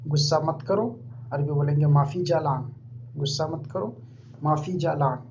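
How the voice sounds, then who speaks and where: A man giving an informal vocabulary lesson, repeating each word slowly several times. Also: fairly high pitch, darkish tone. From India. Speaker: language teacher. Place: living abroad in Saudi Arabia. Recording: dull lo-fi recording with faint hum.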